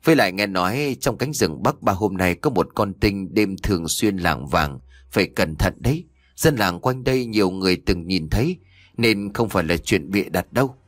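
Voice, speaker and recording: A man voicing a remorseful old village father who pleads, shouts and frets in a storybook reading. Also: low voice, lively intonation, moderate pace, no room sound, studio quality. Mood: firm. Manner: pleading then shouting, emotional.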